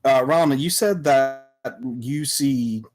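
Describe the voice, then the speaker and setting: A man speaks at a medium pitch and a slow pace, chatting casually as a panelist on a podcast. He's a visual novel developer who talks emphatically, often restarting his sentences as he makes his point.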